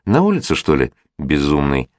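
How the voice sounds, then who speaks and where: A man's voice: rumbling low, wildly swooping pitch, moderate pace, a little mellow, dry recording, studio quality, voice pushed down, exaggerated voice. A man doing a teasing aristocratic princess. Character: teasing aristocratic woman, a princess, cool and playful.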